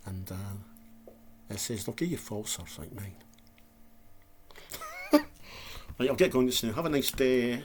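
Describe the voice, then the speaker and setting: A man's voice: mid-range voice, expressive, slow, pauses often, darkish tone, slight background noise. A Scottish man vlogging in a casual, rambling, self-deprecating chat to camera, with a slight lisp. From Scotland.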